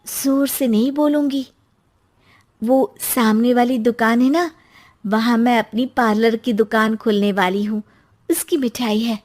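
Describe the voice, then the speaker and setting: High-voiced young wife, woman acting, eager and trusting, cartoon. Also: fairly even intonation, measured pace, a little mellow. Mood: anxious.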